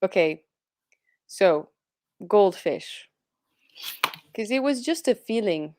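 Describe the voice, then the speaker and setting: A woman's voice: medium pitch, lively intonation, slow pace, darkish tone. A woman speaking English as a second language, co-hosting a tarot live stream in a chatty way, laughing often. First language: not English. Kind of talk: casual chat.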